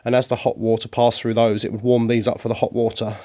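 A man's voice: mid-range voice, level tone, fast, mellow. Chatty man in a basement. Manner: chatty, explaining. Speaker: vlogger touring a building. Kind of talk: casual chat. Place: dark stone basement.

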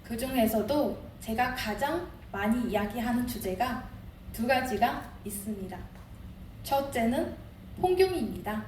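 A young woman from Inner Mongolia, China, an international student with a Chinese accent, gives a rehearsed contest speech in an earnest, declamatory way. Her fairly high voice is lively in intonation, darkish in tone and a little slow. A distant mic in a roomy space picks up audible background noise.

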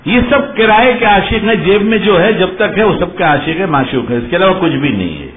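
Animated preacher man, muffled phone-like sound. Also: high-pitched, moderate pace. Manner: animated, acts out dialogues, quizzes listeners. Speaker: religious preacher. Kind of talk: sermon with questions to the audience.

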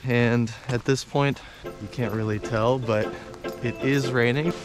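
Walking a rainy forest trail outdoors, a hiking vlogger narrates casually to the camera, explaining his route step by step. His voice is medium-pitched, steady and unhurried, with music playing in the background.

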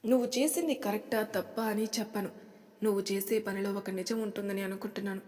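A woman voicing a calm, wise old grandmother who speaks gravely. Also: mid-range voice, fast talker, in a large hall, natural voice.

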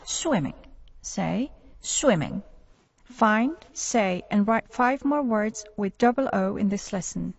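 A woman voicing a patient female English teacher in a scripted textbook audio dialogue, explaining calmly and clearly. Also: medium pitch. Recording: dull lo-fi audio with faint hiss.

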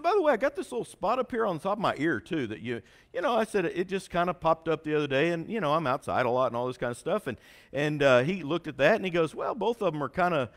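A man, a pastor telling a self-mocking story in his sermon. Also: a little high. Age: 40s. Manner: animated, self-mocking storyteller with a folksy drawl. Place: church sanctuary.

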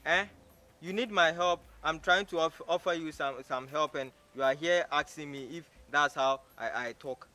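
A man's voice: fairly high pitch, normal speed, sharp tone. An actor playing a rude, arrogant man who mocks and insults a stranger, stammering and repeating himself as he scolds her. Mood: scornful. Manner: scornful, mocking, repeats himself in stammering bursts. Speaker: actor in a short film. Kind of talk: short-film drama acting.

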